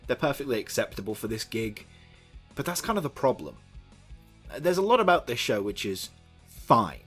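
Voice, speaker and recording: A man's voice: mid-range voice, slightly rough. A young man narrating a scripted video essay with sardonic asides and the odd swear word.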